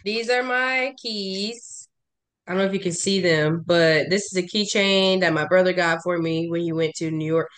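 Animated woman joking around. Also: fairly low pitch, moderate pace. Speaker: podcast co-host. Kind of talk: casual podcast chat.

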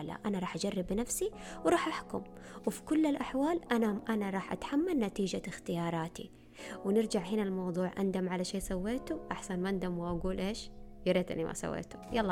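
A woman's voice: lowish voice, creaky, darkish tone. A woman giving earnest self-help advice in a casual talk to camera, often repeating words for emphasis.

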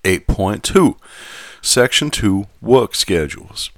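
A man voicing a genteel Southern gentleman who reads aloud in a measured, formal manner with a Southern US accent. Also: lowish voice, very animated, dry recording, heavily acted. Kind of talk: scripted reading.

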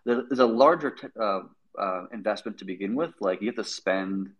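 A man's voice: fairly low pitch, normal speed, muffled recording. A man hosting a casual tech discussion, explaining things in an informal, rambling way with lots of verbal hedging. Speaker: host.

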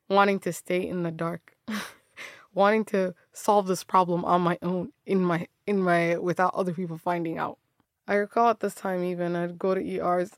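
Candid young woman with a gravelly low voice. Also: dry recording, studio quality. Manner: candid, laughs often, restarts sentences. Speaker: podcast host telling her story. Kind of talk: personal storytelling monologue.

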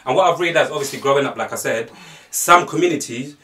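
A man's voice: medium pitch, fast talker, sharp tone. A man from North London with a roadman accent, chatting casually in slang and leaning on repeated tag words. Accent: North London, multicultural street slang. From Tottenham, North London. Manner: repeats filler tags like "innit" and "obviously". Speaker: podcast panellist. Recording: distant, echoey room sound.

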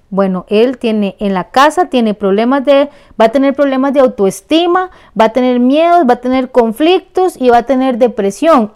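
A woman's voice: on the high side, a little mellow, clean tone, lightly acted. A woman voicing a scheming devil. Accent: Costa Rican. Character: scheming male devil plotting a child's ruin.

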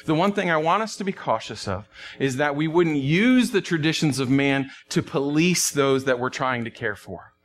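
A man's voice: medium pitch, a bit bright. A man speaking as a pastor, earnest and conversational, repeating phrases for emphasis as he preaches or prays. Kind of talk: sermon and closing prayer.

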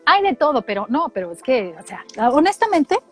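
A middle-aged woman from Mexico with a Mexican accent, telling animated, slangy stories in casual chat and acting out what people said. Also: sits high, fairly quick, soft background music. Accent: Mexican Spanish. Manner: animated storytelling, slangy, acts out quotes.

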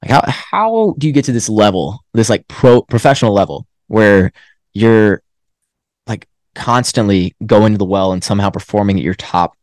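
A man's voice: fairly low pitch, animated, normal speed, no room sound, studio quality. A young man, a college runner, telling a story in a casual podcast interview, acting out his own self-talk. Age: young adult. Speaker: guest, college track runner. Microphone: podcast microphone.

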